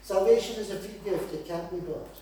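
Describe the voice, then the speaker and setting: A man preaching to a small congregation in an earnest, emphatic way, leaning on repeated phrases. His voice is mellow and sits a bit high for a man. It is recorded from a distance in a very echoey room, with faint ambience behind him. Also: fairly quick, a little hiss or hum. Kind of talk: sermon. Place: gathering of a small congregation, streamed online.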